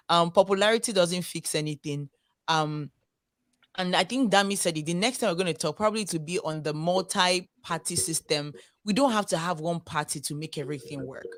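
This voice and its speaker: A woman's voice: fairly low pitch, no echo. Earnest Nigerian woman, dry close sound. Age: young adult. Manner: earnest, animated, emphatic, repeats words. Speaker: discussion host. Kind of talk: casual roundtable discussion.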